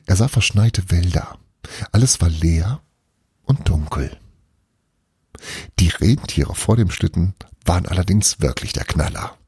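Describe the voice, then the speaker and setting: A husky man with a deep voice tells a Christmas story. His delivery is lively and expressive. He closes with a friendly, chatty sign-off. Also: unhurried, pauses often, dry recording, clean studio sound. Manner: warm, lively, chatty outro. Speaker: storyteller and host. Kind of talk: audio advent calendar story reading.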